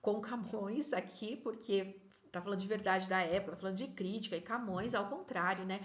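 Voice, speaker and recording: A woman teacher explaining exam answers to her students, talking fast with frequent check-ins. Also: medium pitch, dull audio.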